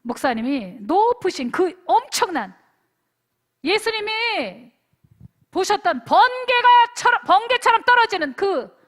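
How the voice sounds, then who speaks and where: A woman's voice: very high-pitched, unhurried. A woman pastor preaching a youth retreat sermon, telling stories, acting out what people said and calling out for amens. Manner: animated, calls for amens; storytelling, acts out dialogue.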